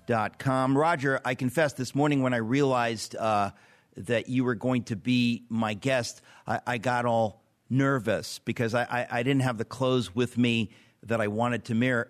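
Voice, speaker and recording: A man's voice: medium pitch, no room sound. A man speaking as a talk radio host.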